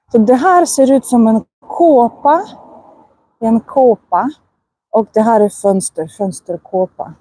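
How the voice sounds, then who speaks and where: A woman with Russian as her first language, teaching Swedish in a casual walking vlog outdoors, enunciating words slowly and carefully and laughing often. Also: on the high side, dark tone, breathy edge. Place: outdoors on a residential walk.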